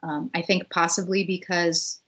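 A woman's voice: lowish voice, flat delivery, a little slow, fairly bright tone, slightly rough. A woman from the United States speaking casually as a panelist in a webinar on a video call, with fillers and tag questions. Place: home room on a video call.

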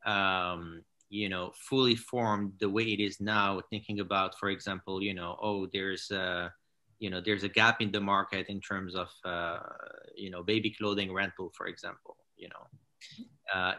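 Deep-voiced man, halting on a video call. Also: pushed and bright. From Morocco. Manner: hesitant, many fillers and restarts. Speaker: founder and CEO, guest. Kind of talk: casual interview on a video call. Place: home living room with large window. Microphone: laptop or webcam on a video call.

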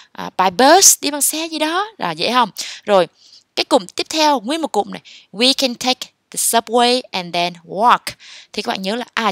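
A woman teaching English, encouraging and slowly repeating English phrases. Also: a little high, fairly bright tone, dry recording, studio quality. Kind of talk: explaining lesson in a voice-over.

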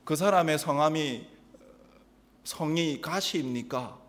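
High-voiced Busan pastor in a reverberant sanctuary. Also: male voice, slow pace. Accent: Gyeongsang Korean. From Busan, South Korea. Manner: humorous, animated storytelling, mimics voices. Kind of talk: sermon. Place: large church sanctuary. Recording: long church reverb.

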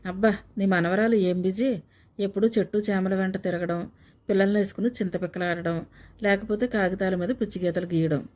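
A woman's voice: medium pitch, fairly even intonation, fairly quick, a little mellow, natural voice. A woman reading a teasing kid brother. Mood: mocking. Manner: mocking. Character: teasing teenage younger brother.

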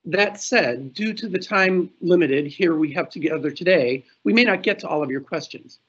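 High-voiced husky man moderating a panel. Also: moderate pace, a bit bright. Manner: formal, reading announcements. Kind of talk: scripted panel introductions. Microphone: video call webcam. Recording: muffled video-call audio.

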